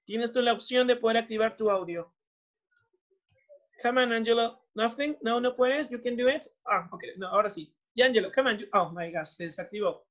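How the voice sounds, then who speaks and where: A woman's voice: a little high, normal speed. A woman with a Peruvian Spanish accent teaching English in an online class, mixing Spanish and English and repeating words of praise. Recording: muffled video call audio.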